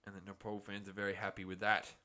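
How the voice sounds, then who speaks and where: A man with an Australian accent gives live cricket reaction commentary, moving between excited calls and chatty asides. He talks fast in a lowish voice.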